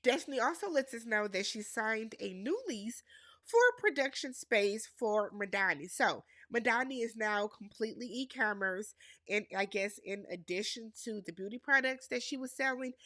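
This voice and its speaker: Her voice is fairly high and bright, with lively intonation and a moderate pace, recorded at studio quality with no room sound. Stuffed up and nasal from a cold, this Wisconsin-accented woman casually recaps a reality show, sharing strong opinions and addressing viewers as y'all.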